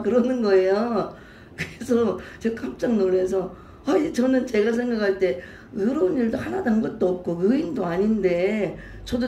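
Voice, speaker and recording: A woman's voice: on the high side, mellow, a little hiss or hum. A woman pastor giving an emotional sermon testimony, speaking emphatically and repeating her phrases. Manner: emotional, repetitive, emphatic storytelling. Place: church sanctuary. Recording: roomy church echo, faint ambience.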